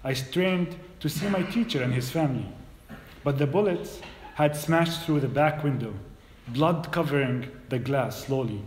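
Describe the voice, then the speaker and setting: A man's voice: fairly high pitch, slight background noise. Palestinian man telling his story in a hall. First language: Arabic. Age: 30s. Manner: measured, hesitant at first then steady storytelling. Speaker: guest speaker. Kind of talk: personal story talk. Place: church hall. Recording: roomy hall echo.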